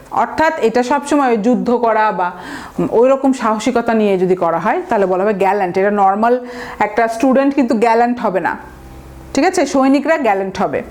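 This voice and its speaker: Woman vocab tutor, voice a bit on the high side; patient step-by-step explainer who checks in with the class. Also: darkish tone. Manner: explains words step by step, mixing in English terms; often checks understanding with tag questions. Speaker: vocabulary teacher. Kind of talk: recorded online lesson.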